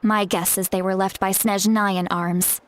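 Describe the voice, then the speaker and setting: An actress playing an earnest, caring woman guide in a fantasy video game, speaking in a measured, explanatory way. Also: mid-range voice, little pitch movement, no room sound, lightly acted. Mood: concerned, thoughtful. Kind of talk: scripted video game dialogue.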